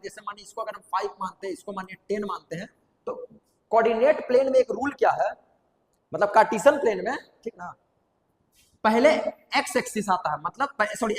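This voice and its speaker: A coaching teacher with a high-pitched, fairly bright voice leads a classroom math lesson, repeating key terms and quizzing students out loud. The recording is from an echoey room with long reverb.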